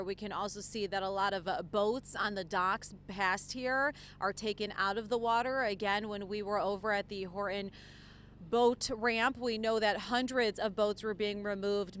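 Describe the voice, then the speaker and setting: A woman's voice: a little high, fairly bright tone, slight background noise. A woman field reporter giving a live news report outdoors, projecting as she describes the scene around her. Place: outdoors on streets and by storefronts.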